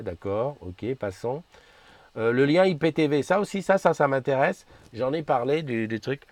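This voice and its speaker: A man's voice: medium pitch, dry recording. A man hosts a casual live morning stream, rambling and restarting as he greets viewers and reads their comments. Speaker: host of a live community morning show.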